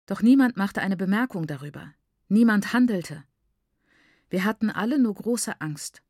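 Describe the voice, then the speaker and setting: Woman narrator, grave measured audiobook reading, dry close studio sound. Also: mid-range voice, darkish tone, no echo. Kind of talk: first-person literary audiobook narration.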